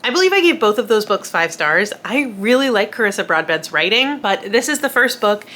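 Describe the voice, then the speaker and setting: A book vlogger with a cold chats casually to camera, her nasal, congested voice mid-range, a little fast, fairly bright, and full of big pitch swings. She is chatty and self-deprecating, with frequent fillers and laughs.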